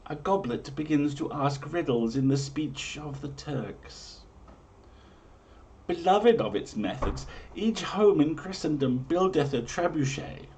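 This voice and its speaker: A man with a fairly high, expressive, slightly mellow voice hosts a livestream at a measured pace. He reads a comic in an emphatic, theatrical mock-medieval English style, then moves into casual chat.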